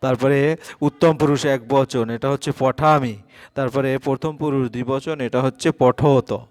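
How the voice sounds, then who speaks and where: Male teacher, Bengali accent, exam-prep lesson, halting with fillers, dry close sound. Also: medium pitch, steady tone, darkish tone, no echo. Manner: slow, halting, with many "ah" fillers while reading out answers.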